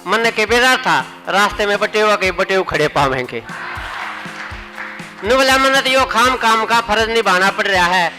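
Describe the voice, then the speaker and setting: A man's voice: high voice, measured pace, music in the background, poor audio. A man with a Haryanvi accent reciting comic poems on stage, playfully repeating his punchlines for the audience. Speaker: comic poet. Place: stage at a poetry gathering.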